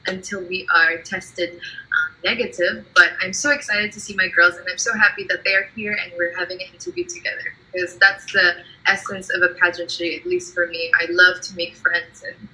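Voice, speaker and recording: Bright, chatty Filipina pageant candidate. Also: female voice, lowish voice, steady tone, moderate pace, low-quality recording. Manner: chatty and enthusiastic. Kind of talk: interview answer.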